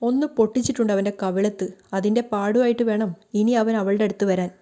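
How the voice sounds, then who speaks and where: Woman doing angry sarcastic young guy from a serial recap, mellow tone. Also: medium pitch, steady tone, fast talker, lightly acted. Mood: scolding. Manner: sarcastic, scolding. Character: angry scolding young man, Kiran.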